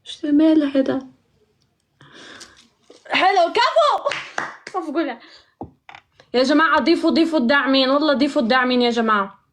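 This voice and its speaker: A woman hosting a live stream, excitable and laughing, rapidly calling out to viewers. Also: high voice, slight background noise. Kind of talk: casual live-stream chat.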